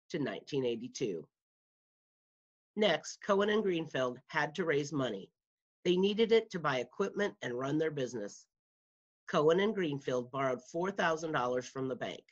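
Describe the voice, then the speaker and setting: A woman with a low-pitched, slightly rough voice carefully reads a children's nonfiction book aloud, much as a school media specialist would. The home recording is dull, muffled and lo-fi.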